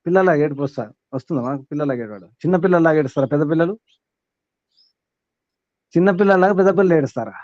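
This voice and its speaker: A man's voice: fairly high pitch, rapid-fire, long pauses, darkish tone, no echo, highs cut off. A man acting as spiritual teacher, giving a sermon to a small group, questioning his listeners and reeling off long lists.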